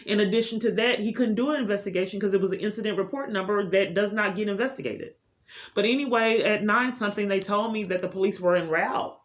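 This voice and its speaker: Heavy noise, clicks and a muffled quality cover this roomy recording of a vlogger airing a personal complaint. In a mid-range voice at a quick pace, she runs through her grievances without a script, insistent and aggrieved.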